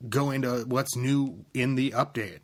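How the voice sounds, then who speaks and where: Chatting casually as co-host of a gaming podcast, this man rambles and keeps restarting sentences. His voice is mid-range and a little slow.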